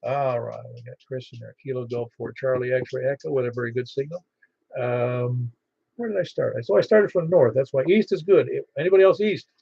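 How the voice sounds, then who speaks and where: Creaky-voiced man running a ham radio net. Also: medium pitch, warm tone, no room sound. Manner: halting, procedural, repeats call signs phonetically. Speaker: amateur radio net controller. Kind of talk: radio net roll call with phonetic call signs. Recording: dull, band-limited ham radio audio.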